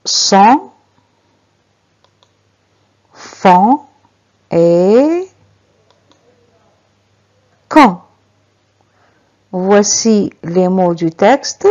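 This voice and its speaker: A woman's voice: medium pitch, lively intonation, slow, dark tone. A woman teacher leading a beginners' reading lesson, spelling out letters and syllables one at a time and repeating each word. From Algeria. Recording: slightly dull lo-fi recording.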